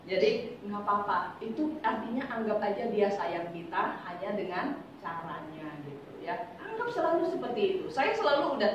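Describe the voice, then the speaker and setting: A woman's voice: medium pitch, big pitch swings, moderate pace, noisy background. A woman giving an informal devotional talk to a congregation, chatty and teasing, full of rhetorical questions. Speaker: devotional speaker. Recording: echoey, distant, dull room recording.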